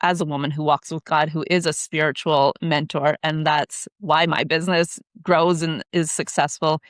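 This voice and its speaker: A woman's voice: deep voice, little pitch movement, moderate pace, no room sound, studio quality. A woman guest on a podcast talking candidly about her coaching work, blunt and emphatic and swearing freely. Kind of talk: candid conversational interview. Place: in Canada.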